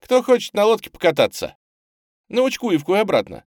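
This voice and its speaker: A bright, cheerful young woman coaxes and reassures street kids in a warm, gentle voice, as a man puts her on for an audiobook. She sounds high and animated, recorded dry and close. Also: normal speed, no room sound. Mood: coaxing. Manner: warm and coaxing.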